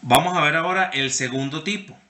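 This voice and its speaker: Bright and forceful, this fairly quick, somewhat high male voice belongs to a university lecturer teaching online from an echoey room. He goes step by step, speaks to students by name, and checks their understanding with frequent "¿sí?"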